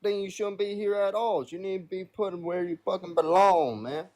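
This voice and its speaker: A man's voice: high voice, moderate pace, darkish tone. A man calling into a live debate over a video call, talking bluntly and crudely. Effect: heard over a video call. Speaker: caller in a live debate stream. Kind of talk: casual argument.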